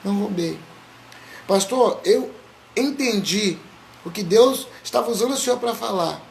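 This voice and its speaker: A man's voice: high-pitched, animated, unhurried, gravelly, a little hiss or hum, exaggerated voice. A man voicing a humble poor old woman. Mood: humble, quiet.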